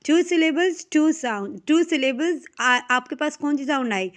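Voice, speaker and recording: A woman's voice: high-pitched, lively intonation, slow pace. A woman with a Pakistani accent teaching young children phonics, reading words aloud and checking understanding with frequent questions. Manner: mixes English reading with Urdu-Hindi explanation, asks checking questions. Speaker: English teacher. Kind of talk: classroom lesson explaining phonics.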